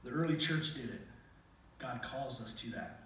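Captured by a distant camera, with a little hiss or hum, a middle-aged preacher reads scripture and delivers a sermon with earnest emphasis at a pulpit mic. He speaks in a mid-range, slightly bright voice at a moderate pace, and the sanctuary sounds very echoey.

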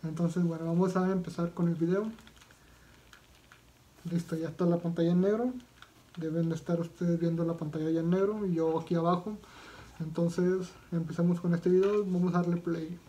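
A man's voice: a little high, fairly even intonation, moderate pace, mellow. A man with a Mexican accent doing casual reaction commentary as a video vlogger, talking in a slangy, profane way with lots of fillers and restarts.

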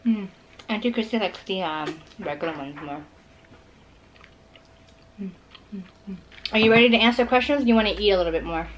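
A woman's voice: medium pitch, a little fast, long pauses, a little hiss or hum. A woman hosting a casual mukbang vlog, chatting upbeat and playful with a child beside her. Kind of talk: casual chat to camera.

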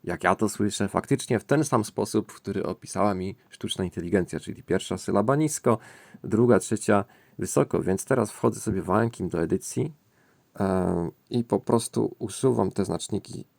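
A man with a low, gravelly voice walks through a language point in a thoughtful, musing way, stopping now and then to search for the right word. The sound is close and dry, with no room around it. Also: moderate pace, darkish tone, no room sound. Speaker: language-learning channel host. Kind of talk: explanatory screen-recording lesson.

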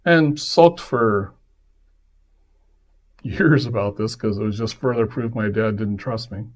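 A podcast host with a lowish voice speaks slowly, casually recounting a personal story. He's lively, acting out the voices of the people he quotes.

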